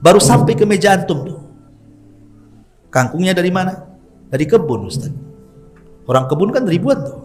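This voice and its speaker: A middle-aged male preacher tells stories in a bright, high voice. He keeps his sermon chatty and playful, teasing his listeners as he goes. Soft music sits faintly underneath. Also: normal speed, pauses often. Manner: lively, chatty, jokes with the audience. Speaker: Islamic preacher. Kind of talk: storytelling sermon.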